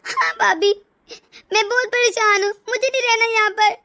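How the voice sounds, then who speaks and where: A woman voicing a spoiled young married daughter in an animated story, sobbing and whining through her complaints. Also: very high-pitched, moderate pace. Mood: tearful. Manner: sobbing, whiny.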